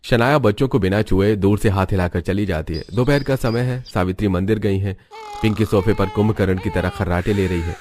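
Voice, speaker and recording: A man giving scripted narration for a cartoon story in an even storytelling manner. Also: lowish voice, brisk.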